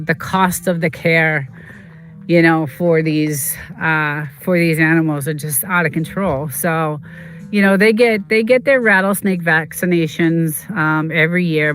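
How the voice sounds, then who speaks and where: A vlogger in casual, rambling chat, repeating words and filling pauses, and turning emotional when recalling a pet's injury. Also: mid-range voice, a bit bright. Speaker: vlogger telling a personal story.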